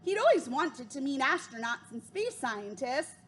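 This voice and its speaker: A woman reading a children's chapter book aloud, giving the children's lines a higher voice. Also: sing-song, normal speed, fairly bright tone, slight background noise. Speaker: reader.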